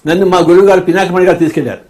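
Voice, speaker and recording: A man's voice: high voice, fairly even intonation, very fast, darkish tone. An older man, chatting playfully as a spiritual teacher and acting out the lines he quotes with a teasing manner. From India. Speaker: spiritual teacher being interviewed. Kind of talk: casual chat.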